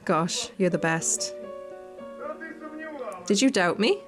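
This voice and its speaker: A woman reads a horror story game for her gaming video, reacting off the cuff and swearing along the way. She speaks slowly in a fairly low, sing-song voice as game music plays faintly underneath.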